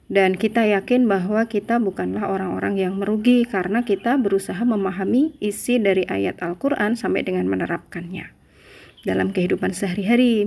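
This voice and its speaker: A woman's voice: medium pitch, creaky, a little mellow. Indonesian woman teaching Quran lessons. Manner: conversational, explanatory, with frequent confirming tags. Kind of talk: religious lesson, reciting verses then explaining them.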